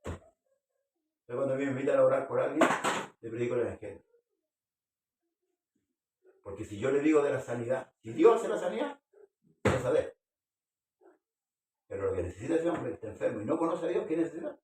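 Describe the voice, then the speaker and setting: A man's voice: medium pitch, lively intonation, fairly quick, long pauses, a little mellow, slight background noise. Male pastor giving an earnest sermon with questions, recorded far off in an echoey hall. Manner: earnest preaching, questions to the congregation. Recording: echoey room, far from the mic.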